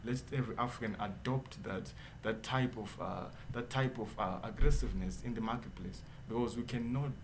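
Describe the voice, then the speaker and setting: A man's voice: on the low side, normal speed, hardly any pauses, background noise. A man, a guest in a radio studio interview who speaks earnestly and keeps checking in with "all right?". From Zimbabwe. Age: 20s. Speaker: guest entrepreneur.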